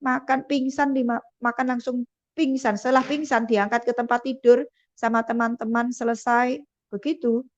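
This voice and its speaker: A woman tells her personal testimony in a fairly high voice. She speaks earnestly and vividly and repeats phrases for emphasis. The recording sounds dull and lo-fi.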